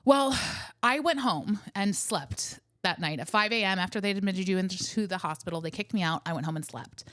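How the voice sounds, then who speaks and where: A woman co-hosting a podcast, telling a story in a wry, animated way. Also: mid-range voice, normal speed, no echo, studio quality. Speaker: podcast co-host.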